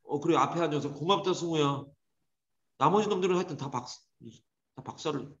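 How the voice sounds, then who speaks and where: A man teaching an English grammar lesson to a class, lively and teasing, scolding students. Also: a little high, brisk. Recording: dull echoey classroom recording.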